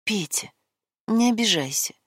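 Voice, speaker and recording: A woman voicing a worried young woman who gently but persistently presses her partner, in an audiobook. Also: medium pitch, lively intonation, a little slow, slightly rough, dry recording, clean studio sound, voice pushed up. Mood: earnest.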